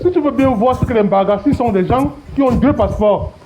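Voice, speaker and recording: A man with a very high voice cuts in fast with blunt remarks during a panel debate. Clear noise runs under his voice.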